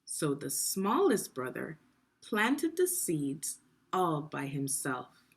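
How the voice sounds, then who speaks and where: Speaking in a deep voice with a breathy edge, a woman teacher shares a story with children. She reads expressively and deliberately, pausing to ask guiding questions in an instructive way.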